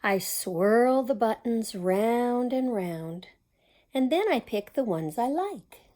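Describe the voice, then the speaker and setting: At a community library storytime, a woman with a fairly high, mellow voice reads a picture book to children. She's expressive and unhurried, now and then adding little asides for her audience.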